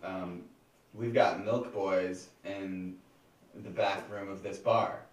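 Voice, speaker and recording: A man's voice: deep voice, steady tone, slow pace. A man role-playing as a player in a tabletop game, with a dry, laid-back manner. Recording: echoey room, distant mic.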